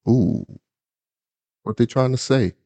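A man's voice: medium pitch, slow pace, dark tone, husky, no room sound. A man from the United States co-hosting a casual chat podcast, laid-back and playful in his banter. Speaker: podcast co-host.

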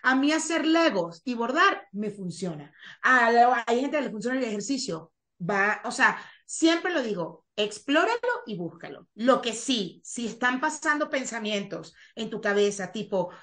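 A woman talking as a podcast guest in a casual interview, chatty and animated, now and then trailing off into soft asides. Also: a little high, moderate pace.

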